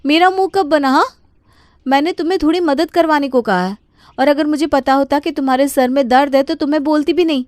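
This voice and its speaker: A woman's voice: mid-range voice, normal speed, darkish tone, no room sound, studio quality, voice pushed up, natural voice. A woman voicing a patient young daughter-in-law in a cartoon story, pleading and firm by turns. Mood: upset. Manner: pleading, then firm and resolved.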